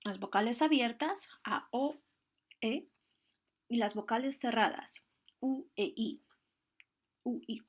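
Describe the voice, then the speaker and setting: A woman's voice: on the high side, slow, long pauses. A woman teaching a grammar lesson, explaining the rules patiently and carefully, one step at a time. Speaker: Spanish teacher.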